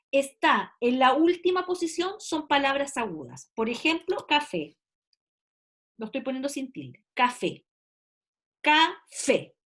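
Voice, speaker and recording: A woman teacher explaining grammar to a class step by step, often checking understanding. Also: sits high. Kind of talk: classroom lecture.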